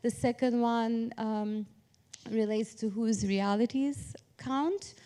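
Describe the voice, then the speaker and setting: With a slightly high, dark, clear and resonant voice, a woman from Turkey speaks slowly with fairly even intonation. She is a professor of public policy on an academic panel, explaining her approach in an informal, structured manner.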